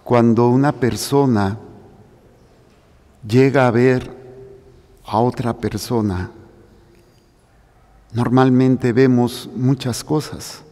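A male priest reads scripture and preaches at a deliberate, unhurried pace, every phrase solemn and measured. His mid-pitched voice carries a long, ringing church reverb. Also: steady tone, dark tone. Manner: slow, solemn, measured delivery. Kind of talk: liturgical Gospel reading and homily. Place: church during Mass.

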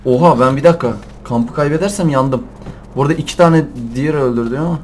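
A young man commentating a survival game in Turkish, shouting and cursing at the animals and laughing often. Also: a little high, quick pace, slight background noise. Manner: excitable, swears and yells at the game, laughs often. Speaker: gameplay commentator. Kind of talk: let's play commentary.

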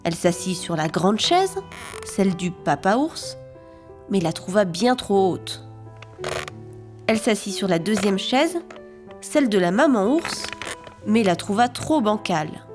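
A woman narrating a children's fairy tale in a clear, expressive and rhythmic reading voice. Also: mid-range voice, a little slow, long pauses. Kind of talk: storybook narration for young children. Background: music.

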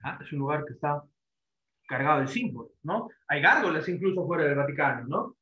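A man's voice: on the high side, animated, a little fast, pushed and bright. A male teacher giving a classroom lecture, repeating phrases and tagging his sentences with rhetorical questions between many fillers. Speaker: literature teacher. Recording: echoey classroom, dull lo-fi sound.

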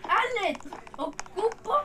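Impatient, animated female gamer with a very high, lively voice, buried in loud noise. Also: takes it slowly. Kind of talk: casual gameplay chat.

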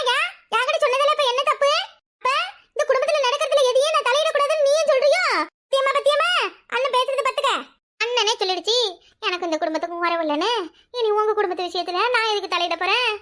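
A woman's voice: very high voice, quick pace, bright, forceful tone. A woman with a Kanyakumari Tamil accent voicing a married sister in a cartoon, sarcastic and self-pitying. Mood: wounded, sarcastic.

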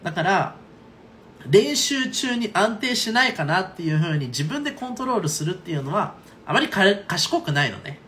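Lively chatty male voice coach. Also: high voice, moderate pace, a little hiss or hum. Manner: chatty, frequent "right?" and "okay?" check-ins. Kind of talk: casual online singing lesson.

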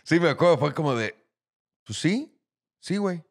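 A man's voice: on the high side, expressive, moderate pace. Blunt Mexican man on a podcast. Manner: blunt, driven, slangy. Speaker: podcast co-host. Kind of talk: casual chat.

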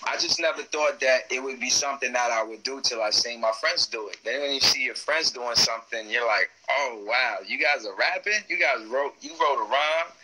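A man in his thirties, a rapper on a live video call, with a bright, tight, edgy tone. He talks easygoing and streetwise, dropping frequent "you know what I'm saying". He sounds like he is on a webcam in a room at home. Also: medium pitch, moderate pace, hardly any pauses, slightly rough, rough recording. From Washington DC / Maryland area, USA. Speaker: rapper, interview guest. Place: room at home, seated in gaming chair. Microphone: phone or webcam on a video call.

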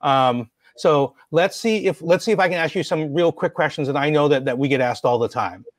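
A man's voice: a little high, brisk, dry recording, studio quality. A man hosting a video-call interview, asking curious, informal questions with "um" and "like" fillers. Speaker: host.

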